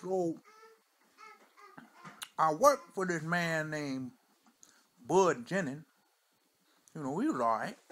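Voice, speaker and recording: A man with a slightly high, bright voice and lively intonation takes it slowly, with long pauses, as he performs a stand-up monologue. His character is a crude old Southern teller of tall tales, wry and profane, drawling loosely and repeatedly tossing out "you know" and "see?". There is slight background noise.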